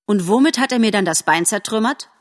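A woman's voice: medium pitch, lively intonation, fairly quick, natural voice. A woman reading an audiobook aloud, voicing a proud, wounded male forest animal hero who speaks insistently. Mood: challenging. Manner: challenging, insistent.

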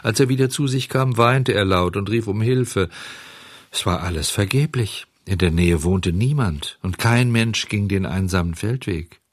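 Man reading a kids story, lowish voice, slow and careful, dry close sound. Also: no room sound. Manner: slow, measured, expressive reading. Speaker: narrator. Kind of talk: scripted storybook narration.

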